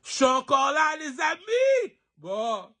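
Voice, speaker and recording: A man's voice: very high voice, huge pitch swings, slow, sharp tone, raised voice. A man from Haiti delivering a rambling, preachy monologue, firing rhetorical questions at his listeners and repeating his lines. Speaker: online personality.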